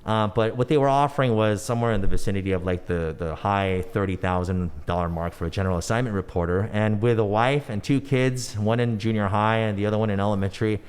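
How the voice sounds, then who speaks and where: An American man in his forties, a native English speaker, talks fast with few pauses in a clear, resonant, lowish voice. As a podcast guest in a casual interview, he rambles, restarting sentences often and using lots of fillers.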